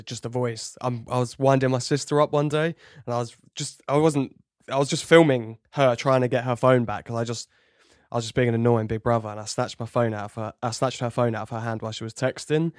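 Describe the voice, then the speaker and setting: A man casually telling a story, halting and restarting his sentences. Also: mid-range voice, little pitch movement, dry recording, studio quality.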